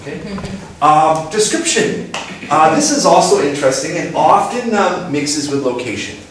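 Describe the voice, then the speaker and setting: A man giving a lively talk to an audience and playfully acting out small scenes. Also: on the high side, moderate pace, far from the mic. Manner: playful, acts out little scenes in put-on voices. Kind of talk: lively lecture with acted mini-dialogues. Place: lecture room. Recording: very echoey room, speaker away from mic, faint noise.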